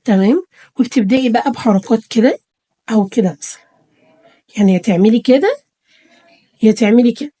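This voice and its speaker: Fast-talking Egyptian woman vlogger. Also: a little high, dark tone, breathy edge. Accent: Egyptian Arabic. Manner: chatty, addresses viewers as girls. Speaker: beauty vlogger. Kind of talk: casual tutorial talk to camera. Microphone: phone camera held close.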